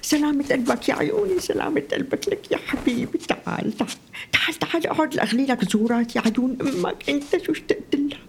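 A woman's voice: sits high, fast talker, creaky, slight background noise. A woman with a Syrian accent playing a lonely, talkative elderly mother in a drama. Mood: doting. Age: older. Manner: talkative, tender, emotional. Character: lonely elderly mother, warm, chatty, wistful. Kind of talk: scripted drama acting.

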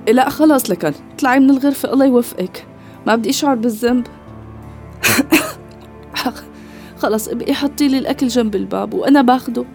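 A woman's voice: on the high side, fast talker, a little mellow, faint music behind, natural voice. A woman playing a frightened sick young woman who laughs nervously and pleads. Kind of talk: domestic drama acting.

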